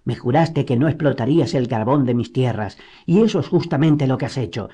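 A man's voice: mid-range voice, normal speed, dark tone, natural voice. A man voicing a fierce, proud young noblewoman in an audiobook, speaking indignantly with a raised voice. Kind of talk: audiobook character reading.

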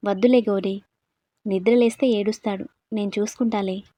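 A woman voicing a worried young father in an audio story, talking to a colleague in a soft, anxious way. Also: high voice, fairly even intonation, normal speed, dry recording, lightly acted.

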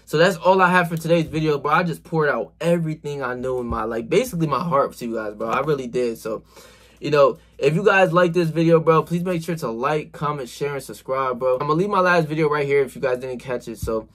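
Recorded on a phone camera in a small bedroom, a self-improvement vlogger in his 20s who is about to turn twenty-one speaks to camera with lots of gestures. His motivational talk is slangy and emphatic, peppered with swearing and "bro," delivered briskly in a slightly high, fairly bright voice.

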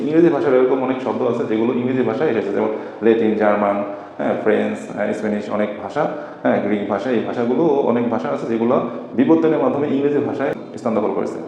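A man teaching a phonics lesson, spelling words slowly letter by letter and repeating each rule. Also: medium pitch, a little mellow. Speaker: English teacher. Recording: echoey room, dull lo-fi sound, faint hiss.

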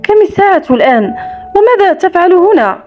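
Woman reading a tense young heroine in a storybook, high voice, bit muffled, soft music behind. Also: very animated, brisk. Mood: startled. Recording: slightly dull recording with soft music.

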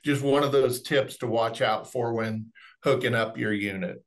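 A middle-aged man with a mid-range voice speaks at normal speed. As a remote monitoring specialist, he presents product training in a webinar, explaining the technical material in a folksy way while on a video call indoors.

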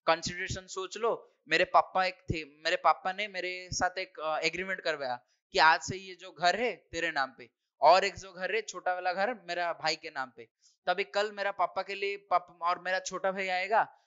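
A man's voice: sits high, bright, forceful tone, highs cut off. A man teaching a law class, explaining legal terms in a mix of Hindi and English with everyday examples. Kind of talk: classroom lecture.

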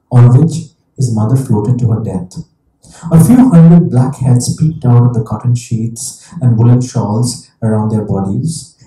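A man with a very dark, mellow voice speaks thoughtfully at a public talk, pausing and restarting as he goes. He also reads from his own novel. He sounds set back from the mic in a roomy, echoing venue. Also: mid-range voice, distant mic. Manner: reflective, with pauses and restarts. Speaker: author and guest speaker. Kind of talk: onstage conversation and reading aloud. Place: talk venue before an audience.

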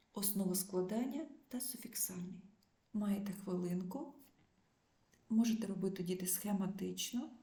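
A woman teacher giving a remote school lesson to children, reading out word pairs slowly and clearly. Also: medium pitch, dark tone. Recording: echoey room.

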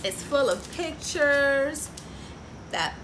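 A middle-aged woman with a fairly high voice hosts a children's story time, reading a picture book in a lively, swooping, expressive way. She adds asides and often stops to ask her young listeners questions. The recording was made outdoors on a porch, with noticeable ambient noise.

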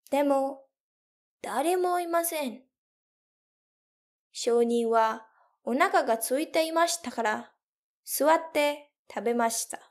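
A young woman teacher telling a story slowly and carefully for learners, with clear, deliberate phrasing. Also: high voice. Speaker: language teacher.

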